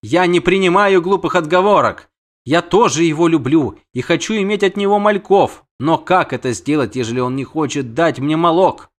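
A man's voice: fairly high pitch, moderate pace, pitched above the performer's own voice, natural voice. A man voicing a haughty, hot-tempered female siren in an audiobook, with a singsong, indignant delivery. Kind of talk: audiobook character voice.

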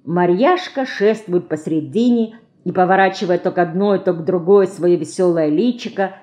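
A woman narrating an audiobook in a calm, measured storytelling manner. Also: lowish voice. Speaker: audiobook reader. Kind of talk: scripted narration.

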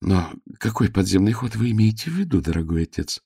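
A man's voice: lowish voice, big pitch swings, fairly quick, gravelly, mellow, breathy edge, no echo, studio quality, pitched above the performer's own voice, heavily acted. A man voicing a haughty, fearful noble lady who speaks in a mannered, polite way. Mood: genteel.

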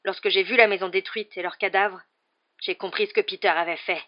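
Woman playing a gaunt escaped man, hoarse, haunted, lowish voice, muffled recording. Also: steady tone, fairly quick, close to an everyday voice. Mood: remorseful. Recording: dull muffled audiobook recording.

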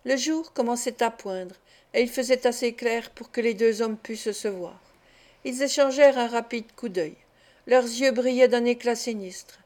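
Woman, audiobook reader, steady measured narration, slightly high voice.

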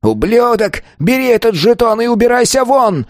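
A man voicing a furious old male sect elder who shouts accusations in a strained, high voice. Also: very animated, normal speed, no echo, clean studio sound.

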